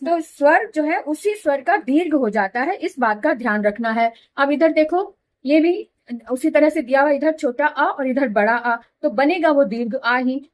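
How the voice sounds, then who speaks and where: A middle-aged woman teaching Hindi grammar in a patient classroom manner, slowly repeating examples and checking that students follow. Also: high-pitched, expressive. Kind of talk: classroom explanation.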